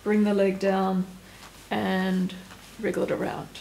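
A woman stretching instructor giving calm, step-by-step cues and counting down holds. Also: mid-range voice, slow pace, vocal fry, echoey room, a little hiss or hum, rough recording. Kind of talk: guided exercise instruction.

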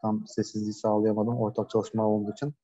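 A man's voice: on the low side, monotone, quick pace, warm tone, dull audio. A man giving a casual online lecture from a shared coworking space, talking conversationally with many hesitations and fillers. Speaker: webinar presenter.

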